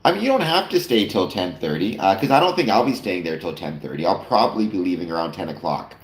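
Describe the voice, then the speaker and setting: A man hosts a casual late-night chat stream, talking to viewers fast and very animatedly in a low-pitched, slightly nasal voice. He uses lots of fillers and corrects himself often, and the recording has a roomy echo.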